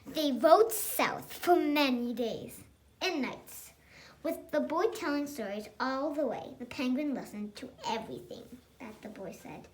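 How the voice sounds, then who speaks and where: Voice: high-pitched, a little slow, slight background noise. A child reading a picture book aloud expressively, with chatty asides. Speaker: storybook reader.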